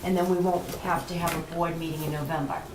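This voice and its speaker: A woman's voice: deep voice, flat delivery, fast talker. A woman on staff at a housing authority board meeting, explaining procedures step by step with restarts, captured on old camcorder audio. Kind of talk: casual meeting talk. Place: meeting room. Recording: echoey room, distant camcorder mic, hissy.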